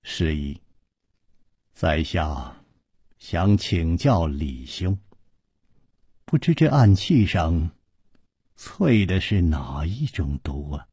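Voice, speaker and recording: A man playing a calm, courteous hero. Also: on the low side, breathy edge, dry recording, studio quality, heavily acted. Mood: grave. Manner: slow, measured, formal. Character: calm, grave male hero, courteous and composed.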